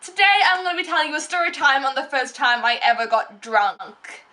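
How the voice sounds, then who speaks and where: Brief: young woman, vlogger, rambly casual story time, high voice. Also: animated, brisk, pushed and bright. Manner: rambling, filler-heavy, self-interrupting.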